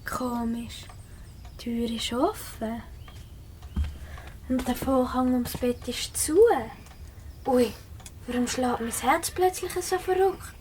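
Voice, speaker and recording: A woman's voice: on the high side, takes it slowly, pauses often, darkish tone, a little hiss or hum. A woman playing a sweet, innocent little girl in a children's radio play. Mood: uneasy, puzzled.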